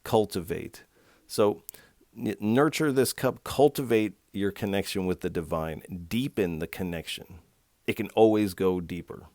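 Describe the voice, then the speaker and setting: Low-voiced man giving a tarot reading. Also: measured pace, darkish tone, no echo, clean studio sound. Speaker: tarot reader. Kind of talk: tarot card reading to camera.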